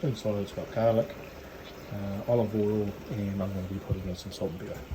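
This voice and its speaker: Speaking briskly in a fairly low, steady voice, a New Zealand-accented home cook presents a cooking video from his kitchen. He's informal and hesitant, talking through his thoughts as he goes, with background noise audible.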